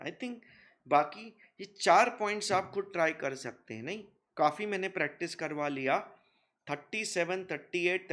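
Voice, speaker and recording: Guy teaching accounts, kinda high voice, jokey and chatty with the kids. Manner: lively, teasing teacher who voices students' questions himself. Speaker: commerce teacher. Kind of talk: recorded classroom lecture.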